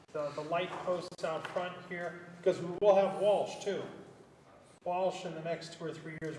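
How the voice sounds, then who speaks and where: A man with a fairly high voice talks his way through a council meeting, pausing and restarting often. He sounds distant from the mic, and the chamber rings with long echo. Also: background noise. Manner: halting, thinking aloud. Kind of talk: public meeting discussion.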